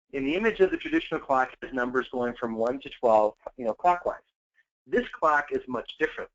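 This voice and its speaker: A man giving an energetic sales training talk, coaching listeners and acting out customer conversations. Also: medium pitch. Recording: dull lo-fi call audio.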